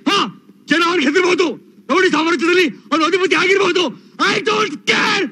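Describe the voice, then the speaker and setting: An actor playing an arrogant, power-hungry husband who shouts threats at his wife, in film melodrama dialogue. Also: extremely high pitch, fairly even intonation, fast talker. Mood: menacing. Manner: domineering, shouting threats, villainous.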